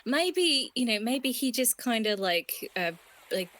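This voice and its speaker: A woman's voice: fairly high pitch, very animated, a little slow, fairly bright tone. A woman playing a tabletop game, talking in a giggly, flustered, rambling way. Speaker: player. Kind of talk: casual tabletop game play.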